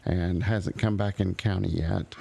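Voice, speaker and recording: A man in character in a roleplay game, talking slowly and haltingly with many ums. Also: deep voice, steady tone, gravelly, mellow, slight background noise. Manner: halting, full of uh and um. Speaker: roleplay streamer playing an old relative.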